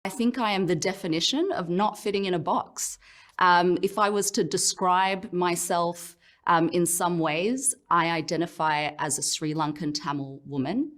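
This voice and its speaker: Lower-voiced Australian woman telling her story. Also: normal speed, a bit bright. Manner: reflective, personal storytelling with frequent "um"s. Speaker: professional speaker. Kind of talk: personal motivational talk.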